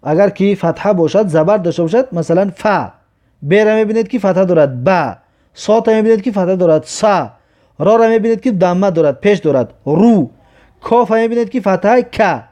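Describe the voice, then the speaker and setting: A man with a Tajik accent teaching a reading lesson, saying each word slowly twice and patiently explaining the vowel marks. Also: sits high, expressive, dark tone. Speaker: Arabic alphabet teacher. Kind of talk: slow, repetitive reading lesson.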